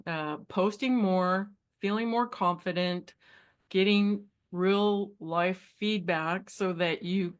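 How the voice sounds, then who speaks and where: A woman guest in casual chat, speaking in a thoughtful, measured way with many restarts. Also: mid-range voice, clean tone.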